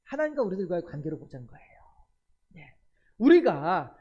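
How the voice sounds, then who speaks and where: A man's voice: sits high, big pitch swings, moderate pace, a little mellow, husky, lo-fi sound. Korean male pastor telling a story. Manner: folksy storytelling, frequent affirming "예". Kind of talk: sermon with storytelling.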